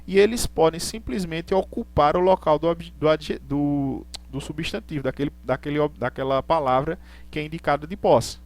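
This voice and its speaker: A man teaching English grammar in a live online class, patient and repetitive, reading example sentences slowly. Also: fairly high pitch. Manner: patient, repeats points, reads English examples slowly and deliberately.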